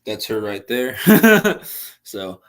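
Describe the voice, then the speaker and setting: This young livestream host chats casually while fishing and reads out replies to viewers' messages, speaking very slowly. His mid-range voice swings widely in pitch and sounds a bit worn out from talking.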